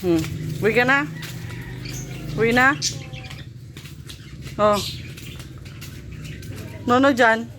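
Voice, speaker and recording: High-voiced woman coaxing a toddler. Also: drawn-out words, pauses often, noisy background. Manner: coaxing, repeating short commands. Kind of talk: sing-song baby talk mixing Tagalog and English. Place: outdoors. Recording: music playing over the audio. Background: background music, roosters crowing.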